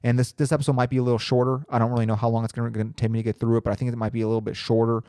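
On his own podcast, a young man talks in a rapid-fire, flat delivery with a dark tone, medium pitch, and a slightly nasal, congested sound from a cold. He's profane, rambling, and laid-back, recorded in clean studio sound without echo.

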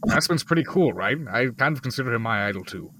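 A man playing a tabletop role-playing game, hesitant and halting. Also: mid-range voice, lively intonation, background noise. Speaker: player.

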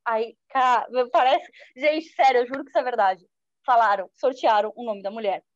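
A woman journalist telling a personal story in an interview, lively and acting out the voices of people she quotes. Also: a little high, moderate pace, dry recording. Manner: lively, acts out quoted speech. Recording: dull lo-fi dry sound.

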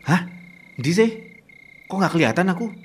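A man's voice: high-pitched, big pitch swings, slightly rough, heavily acted. An actor playing a cautious young man, reluctant and nervous, in a radio drama. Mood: uneasy. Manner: nervous, reluctant, fast comebacks.

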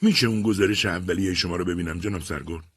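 A man's voice: low voice, slightly rough, no echo, voice pushed up. A man voicing a persistent army captain who acts as a defense lawyer, speaking firmly, insistently and patiently.

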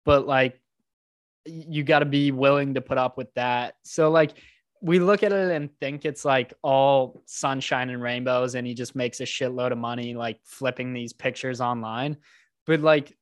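A man's voice: mid-range voice, dry recording, studio quality. A young man guest on a podcast, talking easily and casually, hedging his points with lots of "like.". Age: young adult. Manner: easygoing, hedging, "like"-filled. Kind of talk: casual chat.

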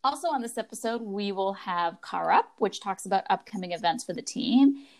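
A woman co-hosting a team podcast, presenting the episode in a friendly, relaxed way with some fillers. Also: mid-range voice, moderate pace. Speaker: podcast co-host. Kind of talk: casual chat.

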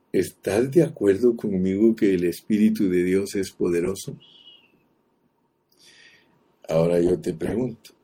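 A man preaching a sermon slowly and deliberately, asking his congregation questions as he explains a passage. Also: low-pitched, mellow, husky.

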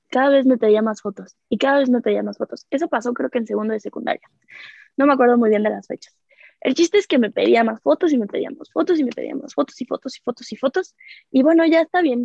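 A young woman with a Mexican accent talks candidly, circling back with fillers as she tells her own story. Her voice sits fairly high. The recording is dull and lo-fi, with a dry, close sound. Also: gravelly, a little mellow, dry recording. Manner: candid, rambling with many fillers. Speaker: podcast guest. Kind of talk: personal storytelling in casual chat.

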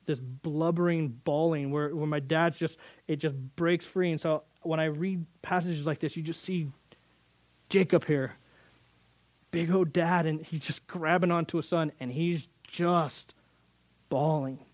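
A man's voice: fairly high pitch, fairly even intonation, measured pace, no echo. A man teaching through a Bible passage in earnest, often repeating words as he builds emphasis.

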